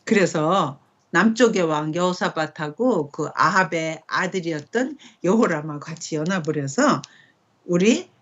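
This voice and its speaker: Middle-aged woman teaching Bible, low voice. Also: lively intonation, normal speed, fairly bright tone, lo-fi sound. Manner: conversational, checks in with rhetorical questions. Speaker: Bible study leader.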